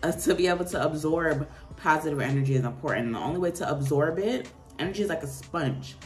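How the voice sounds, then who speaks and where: A young woman, giving an animated, preachy casual talk to the camera as a vlogger. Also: low-pitched, quick pace, faint music behind.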